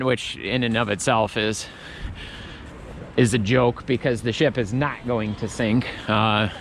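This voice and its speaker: Walking through an open-air Christmas market, this male travel vlogger chats in a loose, rambling way, often starting over. His voice sits at a medium pitch with a fairly bright tone, and there's slight background noise.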